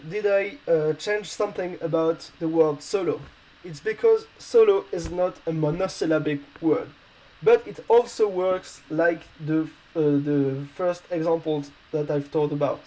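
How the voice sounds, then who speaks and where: A male Spanish teacher explaining a grammar lesson in non-native English, pausing often with filler sounds and small slips. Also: on the high side, mellow, rough recording. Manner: hesitant, many pauses and filler sounds.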